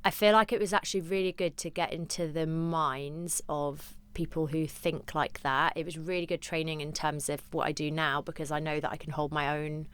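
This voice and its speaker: A woman's voice: low-pitched, steady tone, moderate pace, few pauses, fairly bright tone, clean tone. A woman guest on a podcast, a political commentator, talking candidly and animatedly about her experiences. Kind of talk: casual interview chat.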